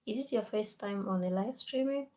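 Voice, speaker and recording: A woman's voice: medium pitch, brisk, a little mellow. A woman from Cameroon, chatting casually with viewers on a live stream and sometimes dropping to a near whisper.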